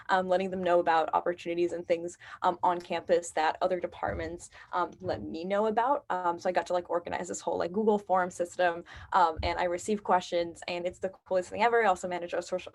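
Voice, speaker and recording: Upbeat chatty young woman from Lebanon. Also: fairly low pitch. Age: young adult. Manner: chatty and upbeat, many fillers. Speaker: university student. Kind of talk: casual talk on a video call. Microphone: video call.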